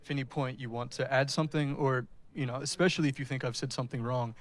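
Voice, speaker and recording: A man's voice: mid-range voice, steady tone, fast talker. A man giving a technical presentation in front of an audience, addressing the listeners directly. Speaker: speaker giving a technical talk. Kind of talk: conference-style presentation to an audience.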